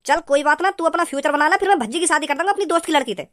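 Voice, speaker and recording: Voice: sits high, racing, fairly bright tone, dry recording, studio quality. A performer voicing a stern cartoon village father who speaks firmly.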